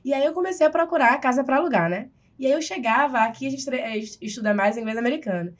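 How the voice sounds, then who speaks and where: Bahian woman on a podcast, rattles off stories quick, highish voice, acts out the people in them. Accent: Bahian Brazilian Portuguese. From Bahia, Brazil. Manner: animated storyteller who acts out quoted voices. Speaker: podcast co-host. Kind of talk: casual podcast chat.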